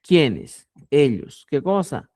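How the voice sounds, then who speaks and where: A man's voice: fairly high pitch, big pitch swings, slow, a little mellow, no echo. A man teaching a language class, explaining patiently and checking often that students follow. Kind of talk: online language lesson.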